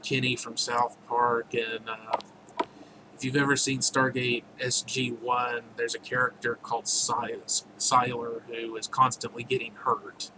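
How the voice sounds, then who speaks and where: A man's voice: mid-range voice, flat delivery, unhurried. A man casually walking through his own game, rambling with jokey asides, over a noisy recording. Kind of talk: casual gameplay commentary.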